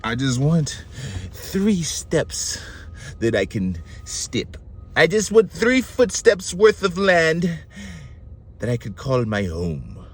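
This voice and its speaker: A man voicing a humble dwarf priest, a disguised god, asking softly for a little land. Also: low voice, big pitch swings, takes it slowly, vocal fry, hardly any pauses, recorded from a distance, pitched below the performer's own voice, exaggerated voice. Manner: quiet, humble pleading.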